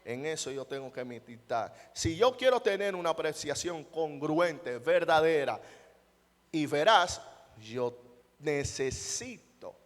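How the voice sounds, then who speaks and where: A man's voice: fairly high pitch, animated, takes it slowly. A male pastor preaching a sermon, emphatic, often asking the congregation rhetorical questions. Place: church. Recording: long church hall reverb.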